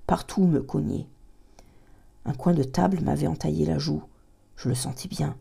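Gravelly low-voiced woman reading aloud. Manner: slow, dramatic, drops to a breathy hush in tense passages; stumbles and corrects herself mid-sentence. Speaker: reader of a novel.

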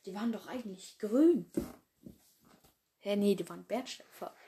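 A woman's voice: mid-range voice, moderate pace, dark tone. Woman reading a story, constant self-corrections. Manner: stumbles often and corrects herself mid-sentence; casual slangy asides between passages. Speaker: story reader. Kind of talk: reading her own animal fan story aloud.

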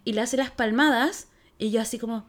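A young Chilean woman chatting casually as a podcast co-host, animated, laughing and acting out her reactions. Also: on the high side, a little fast. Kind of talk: casual chat.

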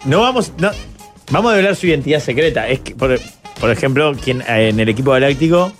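A man's voice: medium pitch, lively intonation, quick pace. Brief: Uruguayan male radio host, teasing storyteller, music bed faint under the studio chat. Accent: Uruguayan Rioplatense Spanish. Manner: teasing, storytelling, laughs often. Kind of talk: casual studio banter.

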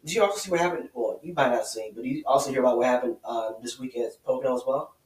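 A man's voice: mid-range voice, very fast. A man co-hosting a casual motorsport podcast, talking in a hesitant way with many fillers and restarts. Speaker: podcast co-host. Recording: roomy, distant mic.

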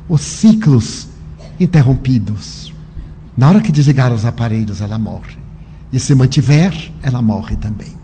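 A man's voice: mid-range voice, mellow, slight background noise. Emotional man telling a dramatic story. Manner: emotional, with dramatic pauses and slowed phrases. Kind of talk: dramatic first-person storytelling.

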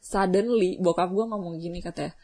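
A young woman, hosting a vlog and chatting casually with viewers, telling a story in a slangy, animated way. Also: fairly low pitch, brisk, slightly rough. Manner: chatty storytelling, slangy Jakarta-style, animated when excited. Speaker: vlog host.

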